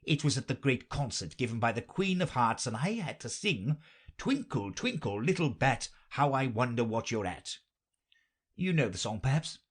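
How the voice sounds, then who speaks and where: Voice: medium pitch, very animated, normal speed, breathy edge, voice pushed up. A reader voicing an eccentric grown man who rambles theatrically, swinging between mournful and bossy.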